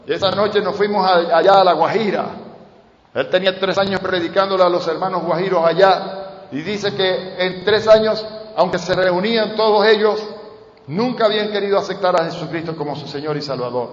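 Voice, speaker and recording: A man preaching a sermon, swinging from loud shouts to quiet storytelling. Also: high voice, normal speed. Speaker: pastor. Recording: echoey hall, dull sound.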